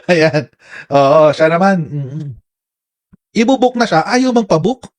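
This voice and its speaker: Lively animated Filipino man vlogging. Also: on the high side, slow pace. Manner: animated, laughing, addresses viewers as "mga kababayan"; reads viewer comments aloud. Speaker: political commentary vlogger. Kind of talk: casual live commentary.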